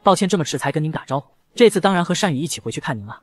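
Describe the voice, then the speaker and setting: A man's voice: fairly high pitch, expressive, very fast, no echo. A man voicing a cocky flirty gangster. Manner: teasing, cocky, playful whining. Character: brash male gangster heir, flirty and shameless. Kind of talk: comic narration dialogue.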